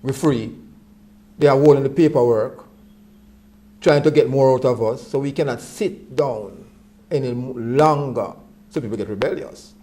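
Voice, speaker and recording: A man's voice: medium pitch, normal speed, dark tone. A man with a Jamaican accent speaking Rasta-style with patois phrasing, reasoning conversationally and repeating words for emphasis.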